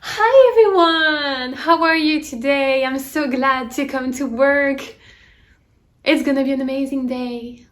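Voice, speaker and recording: A woman's voice: sits high, slow, voice pushed up. A woman putting on the voice of an overly cheerful American coworker, speaking English with a French accent in a bubbly, exaggerated manner. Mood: gushing.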